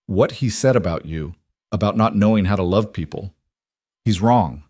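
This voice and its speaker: A man voicing a gentle, earnest single father who speaks softly and reassuringly in a storybook. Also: on the low side, normal speed, dry recording, clean studio sound, natural voice. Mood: tender.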